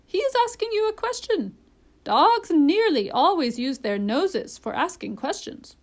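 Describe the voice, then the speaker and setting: A woman voicing a proud, bossy, opinionated female parrot in a high voice, speaking emphatically as if giving lessons. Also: very animated, measured pace, exaggerated voice. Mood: instructive. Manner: emphatic, instructive.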